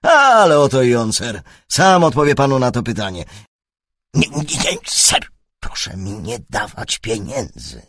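A man voicing an eager, deferential young stable groom who talks in a hurried way. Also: mid-range voice, very animated, fairly bright tone, no echo, studio quality, voice pushed up.

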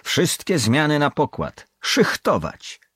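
A man's voice: fairly low pitch, very animated, moderate pace, breathy edge, dry recording, clean studio sound, pitched above the performer's own voice. A man voicing a stern ship's captain who gives curt, commanding orders.

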